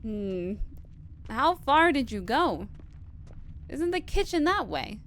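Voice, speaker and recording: A woman streamer giggles and frets over her choices while commenting on a game. Her voice sits fairly high and she speaks slowly. A faint background hiss runs under her talk. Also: sing-song, a bit bright. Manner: giggly, nervous, fretting. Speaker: gaming streamer.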